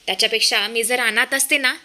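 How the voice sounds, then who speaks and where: A woman's voice: a little high, fairly even intonation, fast talker, bright, forceful tone. Woman doing a spoiled, tearful young wife. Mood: hurt complaining. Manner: tearful, pleading whine. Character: young married woman, spoiled and manipulative daughter.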